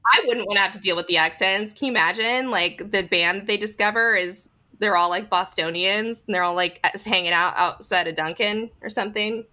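A woman's voice: mid-range voice, fairly quick, hardly any pauses, pushed and bright. A woman guest on a podcast, chatting casually and laughing often. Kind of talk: casual chat.

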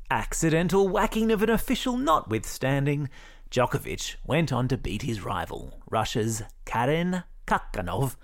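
Lively Australian man reading kids' news. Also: fairly high pitch, vocal fry, no echo, studio quality. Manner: upbeat, playful, jokey asides. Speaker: news podcast host. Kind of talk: scripted kids' news narration.

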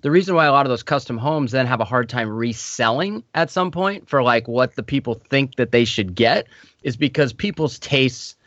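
A man co-hosting a casual podcast, talking in a relaxed, rambling way with fillers. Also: mid-range voice, normal speed, dry recording, lo-fi sound. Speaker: podcast co-host, home builder.

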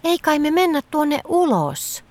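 A woman's voice: high voice, sing-song, darkish tone, voice pushed up. A woman voicing a timid, anxious little green fox companion in a children's story, talking in a fretful, half-whispered way. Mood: nervous.

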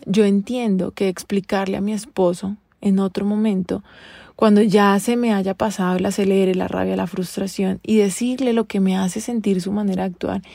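A woman's voice: mid-range voice, creaky, no echo, clean studio sound. Wry woman venting. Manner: expressive, rhetorical questions, wry exasperation. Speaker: vlogger addressing women. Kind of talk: casual monologue.

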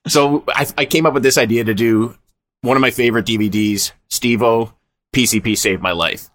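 A man's voice: mid-range voice, normal speed, fairly bright tone. A man co-hosting a podcast in casual banter, rambling and swearing, a bit self-deprecating. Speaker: podcast co-host.

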